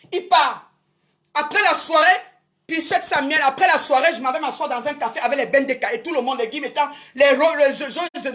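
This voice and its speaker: A woman's voice: sits high, a bit bright. A woman promoter speaking on a Facebook live, indignantly repeating herself and addressing her critics directly. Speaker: show business promoter.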